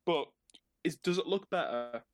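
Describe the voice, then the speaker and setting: A man with a Northumbrian accent co-hosting a podcast in casual banter, jokey, self-deprecating and quick to swear. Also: on the high side, animated. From Northumberland, England. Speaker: podcast co-host.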